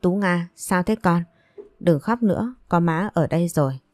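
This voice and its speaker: Lady reading strict older mom from a storybook, sharp scolding talk, dry close sound. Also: on the low side, moderate pace, no echo, close to an everyday voice. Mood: coaxing. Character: stern scheming older mother of a rich house.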